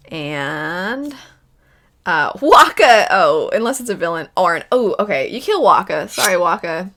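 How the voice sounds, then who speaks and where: Animated, bright-voiced woman chatting casually. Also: medium pitch. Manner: wavering, thinking aloud, self-deprecating. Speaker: video host. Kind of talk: casual chat, playing a pick-one game about video game characters.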